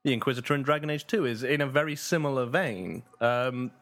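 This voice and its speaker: A man hosting a casual video game podcast, speaking in a measured, agreeable way and steering the talk. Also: medium pitch, a bit bright. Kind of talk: casual panel chat about games.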